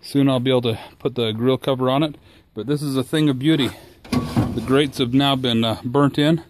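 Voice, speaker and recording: A man talking casually to the camera about his cooking at home outdoors, relaxed and enthusiastic, with frequent fillers. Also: mid-range voice, moderate pace, noisy background. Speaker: home cook reviewing his new smoker.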